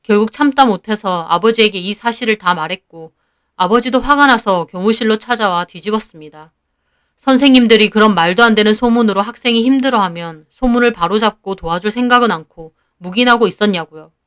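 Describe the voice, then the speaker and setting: Woman, story narrator, clear smooth voice, even measured delivery. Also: medium pitch. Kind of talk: scripted first-person story narration.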